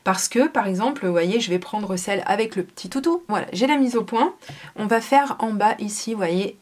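A woman's voice: medium pitch, normal speed. A woman hosting a casual crafting video, explaining a small printer app step by step in a chatty way, with many fillers. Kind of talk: casual product demo.

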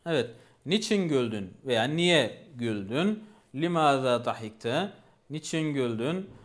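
A man's voice: mid-range voice, animated, slow pace. A man teaching a language lesson, patiently repeating each phrase and asking questions.

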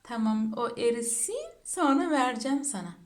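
A woman's voice: a little high, animated, normal speed, slight background noise. A woman vlogger at home, coaxing her cats in a sing-song baby-talk voice. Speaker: pet vlogger. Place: home indoors by a closed door.

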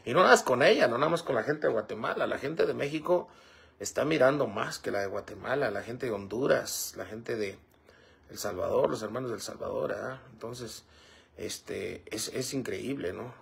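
A man with a gravelly, husky voice hosts a casual livestream and reads out viewer comments. He talks at medium pitch and a moderate pace with a fairly bright tone, rambling along with fillers like "este" and "¿verdad?".

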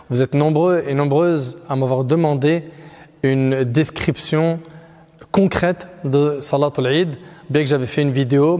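Man, fairly high voice, brisk demo narration, long hall reverb. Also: a little mellow. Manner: brisk, direct, opens with formal greeting. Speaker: religious teacher. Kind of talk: video demonstration with narration.

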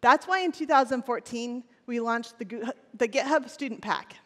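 Woman, 40s, keynote presenter on a big stage; earnest scripted delivery, slightly high voice, lapel mic in a reverberant hall. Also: normal speed. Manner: scripted, earnest, occasional restarts. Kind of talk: conference keynote speech. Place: large stage in a conference hall. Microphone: headset or lapel mic on stage.

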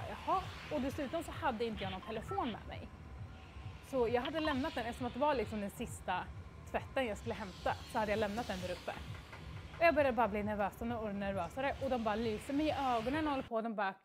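A young woman on a livestream telling a story in a casual, animated way and acting out the quoted dialogue, with lots of fillers. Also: fairly high pitch, background noise. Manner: frequent fillers like "liksom" and "jag bara".

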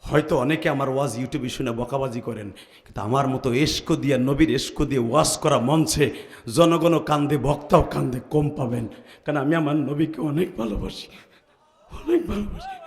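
A man preaching an emotional Islamic sermon, swinging between shouted peaks and low, pained murmurs, his voice strained. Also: normal speed, big-room sound. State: chest aching, strained. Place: large religious gathering.

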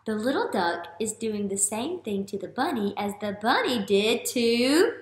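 Speaking a little slowly in a fairly high voice with large pitch swings, this woman in her thirties is an American early elementary teacher. During a read-aloud in an indoor classroom with roomy echo, she talks expressively to young children and frequently poses questions.

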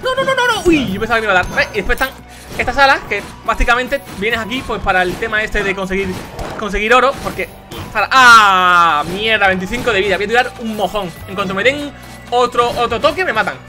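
A young man with a Spanish accent commentating a video game he is playing, casual, excitable, shouting and swearing when things go wrong. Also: high-pitched, quick pace, faint music behind. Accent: Spain. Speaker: gaming youtuber. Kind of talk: casual let's play commentary.

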